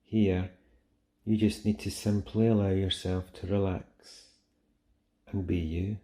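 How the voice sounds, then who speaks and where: A man guiding a relaxation meditation in a soft, soothing, gentle manner with long pauses. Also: deep voice, flat delivery. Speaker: meditation guide. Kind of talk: guided relaxation meditation, soothing scripted narration.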